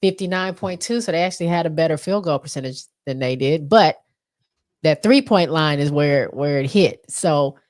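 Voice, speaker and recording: An American woman co-hosting a podcast casually recaps basketball stats, her low, slightly mellow voice stuffy from allergies. She speaks at normal speed and reads the numbers with lots of ums.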